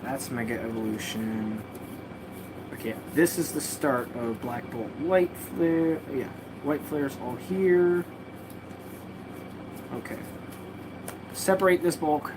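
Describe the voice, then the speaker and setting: With a very deep voice, a woman talks slowly and leaves long pauses while opening trading card packs on a livestream. Her casual talk rambles, with plenty of slang and swearing. She sits in a home room with a mattress propped against the wall, and a party next door hums faintly.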